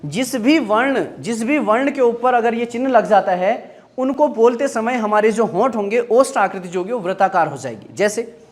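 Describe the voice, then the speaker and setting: Guy teacher, pretty high voice, keeps repeating terms n asking "got it?". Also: moderate pace. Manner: drills by asking and answering his own questions; repeats key terms, checks understanding often. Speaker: Hindi teacher. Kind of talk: online grammar lesson.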